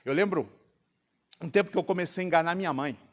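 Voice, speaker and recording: A Brazilian pastor preaching a sermon to a congregation, throwing out rhetorical questions for the crowd to answer. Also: male voice, a little high, quick pace. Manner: rhetorical call-and-response questions. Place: church congregation.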